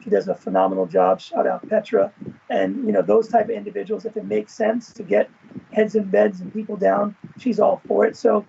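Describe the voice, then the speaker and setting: A man's voice: sits high, expressive, a little fast, creaky, mellow, a little hiss or hum. A man speaking as an interview guest in a casual, expansive way, often tagging his points with "right?" and "you know", heard over a muffled video call. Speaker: guest, former event manager and professor.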